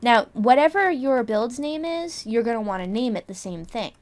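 Young woman, kinda high voice, rambly casual tutorial, keeps correcting herself and teasing ppl. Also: lively intonation, moderate pace. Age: young adult. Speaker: channel host.

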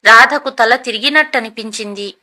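A woman storyteller reads a scripted tale in an even, measured delivery. Her voice is high and bright, with a crisp edge. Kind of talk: scripted narration.

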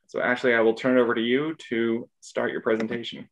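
A man moderates an online panel, handing over to speakers and reading their introductions smoothly. His voice sits at a middle pitch. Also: little pitch movement, brisk. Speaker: webinar moderator.

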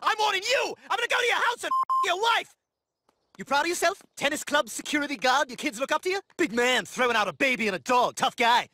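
Bright-voiced, imperious cartoon baby. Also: male voice, very high-pitched, fast talker, hardly any pauses, a little hiss or hum. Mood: furious. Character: imperious, hot-tempered talking baby boy. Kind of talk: animated comedy voice acting.

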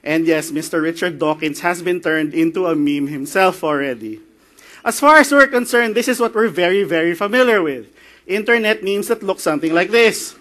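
Filipino guy doing a conference talk, high bright voice, jokey and chatty. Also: lively intonation, normal speed. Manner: joking, chatty, mixes in Tagalog phrases. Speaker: conference speaker. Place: conference hall.

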